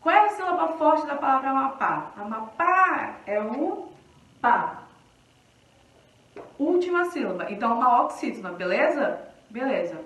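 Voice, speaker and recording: High-voiced Brazilian woman teaching in an echoey room. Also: sing-song, moderate pace, long pauses, recorded from a distance. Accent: Brazilian Portuguese. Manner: explanatory, checking in often with the class. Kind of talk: recorded grammar lesson.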